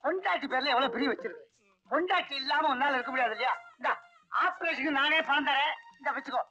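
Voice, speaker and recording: A gullible, scolding moneylender in old film comedy. His voice is very high and bright. The sound is muffled, with music underneath. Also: fast, exaggerated voice. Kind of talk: 1980s Tamil film comedy dialogue.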